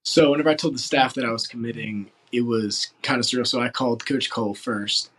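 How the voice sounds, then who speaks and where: A man's voice: medium pitch, steady tone, a little fast, a bit bright, low-quality recording. A man in his late teens from West Virginia, answering interview questions in an earnest, rambling way full of filler words. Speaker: football recruit interviewee.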